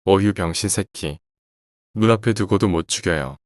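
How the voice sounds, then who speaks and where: Guy reading a creepy calm killer dude in a horror tale, low voice, super chill and cold. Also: normal speed, dry recording, clean studio sound, close to an everyday voice. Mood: cold menacing. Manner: quiet, composed, chillingly casual. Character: calm polite man turned cold killer. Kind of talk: horror story narration.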